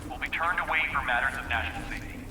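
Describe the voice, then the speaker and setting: A man voicing a military emergency announcer, heard over a PA loudspeaker, reciting in a formal, clipped official manner. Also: medium pitch, racing. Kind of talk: recorded game announcement. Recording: echoey, noisy loudspeaker from afar.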